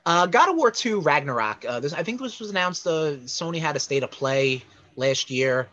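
A man's voice: fairly high pitch, sing-song, moderate pace, a bit bright, dull audio. A man co-hosting a casual podcast, rambling upbeat about upcoming games and teasing his co-host.

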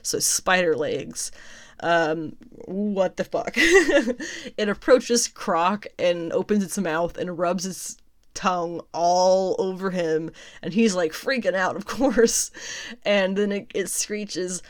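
A woman's voice: lowish voice, expressive, slow. A woman casually recapping and reviewing comics. She talks in a chatty, amused way, laughs often and swears freely.

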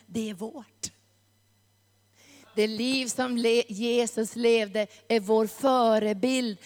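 A woman's voice: on the high side, gravelly. Fervent woman preaching in a hall. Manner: fervent, repetitive preaching cadence. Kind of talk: sermon. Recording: long hall reverb.

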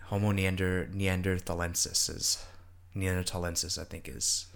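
A man's voice: low-pitched, level tone, normal speed, vocal fry, smooth. A man co-hosting a podcast, rambling casually with many fillers and hedges. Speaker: podcast co-host. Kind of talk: casual chat.

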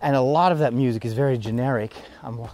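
A man's voice: medium pitch, quick pace, a little mellow. A man vlogging while walking uphill through woods, tired and short of breath, talking in a rambling way with self-deprecating asides. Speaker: priest and vlogger. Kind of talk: walking vlog monologue. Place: outdoors in woods, climbing a hill.

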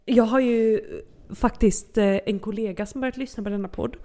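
Blunt, giggly podcast woman. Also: on the high side. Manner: giggly, blunt and animated, often swears. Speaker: podcast co-host. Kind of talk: casual chat. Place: apartment.

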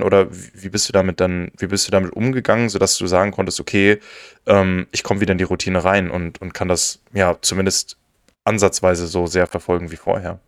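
A man's voice: sits low, no echo, studio quality. A man hosting a casual podcast interview, asking long, hesitant questions full of restarts. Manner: hesitant, many fillers and restarts while forming questions. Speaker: podcast host.

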